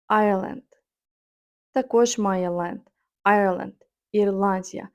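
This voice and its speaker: A woman's voice: fairly high pitch, a little mellow. A woman from Ukraine teaching English online, reading each word carefully and repeating it for her learners. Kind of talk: online language lesson.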